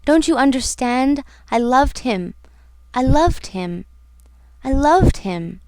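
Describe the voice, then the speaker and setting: A woman voicing a grieving, devoted young woman who murmurs low and pleads. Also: animated, slow, a little mellow, dry recording, full character voice.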